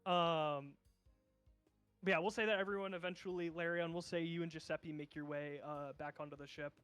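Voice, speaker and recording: A high-voiced man runs a tabletop game session, rambling through the scene and breaking into laughs. Soft background music plays under his narration. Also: steady tone, normal speed, clear, resonant tone, dry recording. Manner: laughing often, loose and rambling. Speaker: game master.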